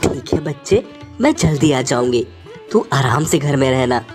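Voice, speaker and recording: A woman voicing a poor hardworking maid and mother, soft and humble, in an animated story. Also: rumbling low, moderate pace, soft background music. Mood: gentle.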